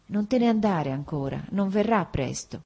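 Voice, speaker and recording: A small, anxious boy pleads in a raised, childlike voice with a breathy edge, as a woman reading aloud puts him on. He clings to his mother with every word. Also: mid-range voice, animated, moderate pace, dark tone, pitched above the performer's own voice. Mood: pleading.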